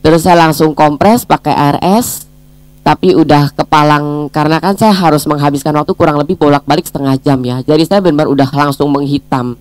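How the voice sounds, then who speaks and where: A woman's voice: sits low, fairly even intonation, brisk, no room sound. Woman giving a dry, close devotional. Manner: storytelling, addresses listeners as brothers and sisters; prays in a gentle, earnest tone. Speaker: devotional speaker. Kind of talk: daily devotional with a personal testimony.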